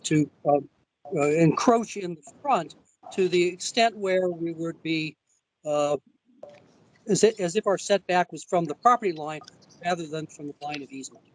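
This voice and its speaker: A man presenting as an architect to a zoning board over a remote call connection that breaks up, speaking haltingly with many fillers. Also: a little high, rough recording. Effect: remote call audio, breaking up.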